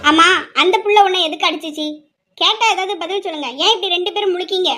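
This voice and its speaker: A woman's voice: very high voice, fast, pushed and bright, soft background music. A woman voicing an angry, hot-tempered young daughter complaining indignantly, in an audio drama. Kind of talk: amateur audio drama acting.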